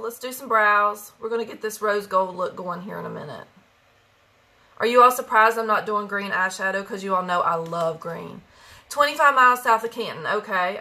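A woman's voice: medium pitch, creaky, sharp tone. A woman from West Virginia with a country accent, chatting casually with viewers during a live makeup stream and greeting them by name. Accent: Appalachian country.

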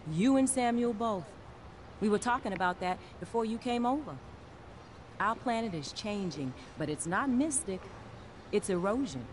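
A woman voicing an earnest, caring science teacher in a video game, speaking in a measured, explanatory way. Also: medium pitch, lively intonation, close to an everyday voice. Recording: game audio under a livestream, with background noise.

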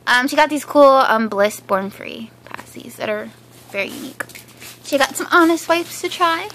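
A woman's voice: sits high, lively intonation, moderate pace, a bit bright, a little hiss or hum, rough recording. A woman chatting casually and upbeat in a home haul vlog, giggling often, filmed indoors on a handheld camera. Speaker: vlogger. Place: living room floor, indoors. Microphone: handheld camera filming from above.

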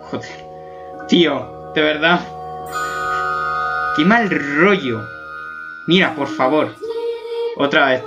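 A man from Spain doing a casual video reaction, joking and exaggerating as he gets spooked, on a dull lo-fi recording. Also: a little high. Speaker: YouTube reactor.

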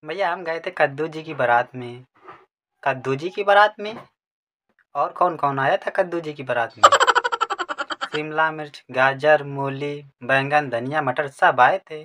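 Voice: medium pitch, unhurried, bright, forceful tone, slight background noise. A speaker telling a playful comic story in a sing-song way. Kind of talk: comic storytelling dialogue with music.

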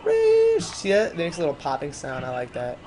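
A man giving casual, rambling gameplay commentary, chatting excitably to his viewers. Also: medium pitch, fast talker, slight background noise.

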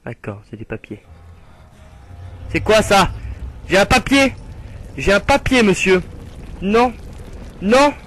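A young man commentating his horror game play, screaming and swearing in panic, then muttering quietly. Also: high-pitched, huge pitch swings, slow pace, pauses often. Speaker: gamer playing horror games.

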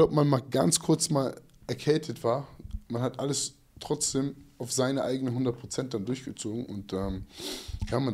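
Blunt coach guy ranting at critics, mellow dark voice, keeps saying you know. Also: mid-range voice. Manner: blunt, scornful, keeps asking "weißt du?". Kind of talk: casual monologue answering critics.

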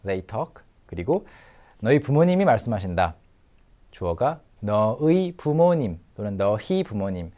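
A middle-aged man giving a recorded language lecture, patiently drilling short phrases slowly and repeating them. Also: fairly low pitch, big pitch swings, warm tone. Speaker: English teacher.

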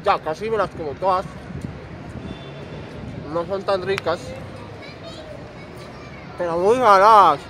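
A man's voice: sits high, takes it slowly, pauses often, crowd noise. A man vlogging a food challenge, talking through a full mouth with joking, self-mocking commentary. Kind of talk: casual vlog monologue. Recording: outdoor street with clear traffic noise.

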